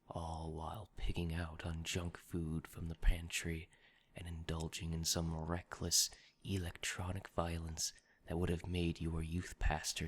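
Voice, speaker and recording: In an ASMR role-play, a man plays a sly shoulder devil with a very low, husky voice. He lingers slowly over florid, alliterative phrases, gloating like a weary clerk of sin. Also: a bit bright, full character voice. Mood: gloating, teasing. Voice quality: gravelly, husky, breathy. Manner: theatrical, ornate, alliterative, savoring each word.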